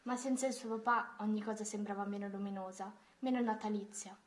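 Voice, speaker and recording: A woman reading a children's Christmas story aloud, in a gentle, expressive way. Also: mid-range voice, fairly quick.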